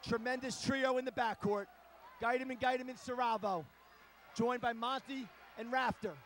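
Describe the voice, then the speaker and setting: A man calling live high school basketball play-by-play in a gym, in brisk, clipped calls that rise to shouts. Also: fairly even intonation. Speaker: play-by-play announcer. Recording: crowd noise and hiss behind.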